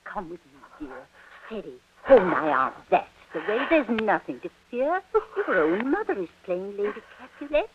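An actress playing a coaxing, kindly aunt. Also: female voice, medium pitch, very animated, normal speed, a crowd in the background, natural voice. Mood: soothing. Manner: coaxing and reassuring. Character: kindly, fussing middle-aged aunt. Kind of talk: 1940s radio acting. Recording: muffled, noisy old radio recording.

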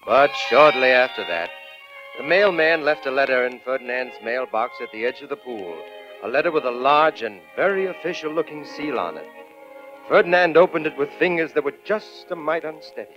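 A man's voice: medium pitch, lively intonation, dull audio. Man narrating over music, old radio. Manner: measured, storytelling. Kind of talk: scripted storybook narration.

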